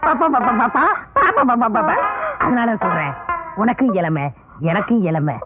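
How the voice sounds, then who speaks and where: A cheeky suitor over loud music. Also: male voice, extremely high pitch, very animated, moderate pace. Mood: coaxing. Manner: coaxing, teasing. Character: cheeky man wooing a woman. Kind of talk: old film comedy scene. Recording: dull film audio over loud music.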